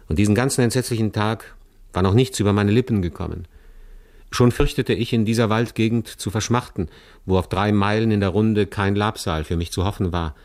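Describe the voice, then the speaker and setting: Low-voiced man reading a literary tale. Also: a little mellow, no room sound, clean studio sound. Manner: measured, serious first-person storytelling. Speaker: audiobook narrator. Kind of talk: scripted literary narration.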